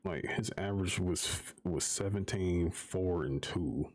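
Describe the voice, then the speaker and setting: Man, low voice, live streamer, profane exasperated rant, repeats himself. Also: a little slow, darkish tone.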